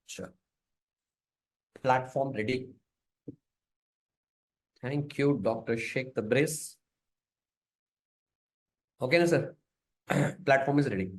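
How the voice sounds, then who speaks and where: A man's voice: mid-range voice, measured pace, pauses often, poor audio. A man with an Indian accent giving an informal exam-prep biochemistry lecture, emphatic and repetitive, slipping between English and Hindi and tagging phrases with questions.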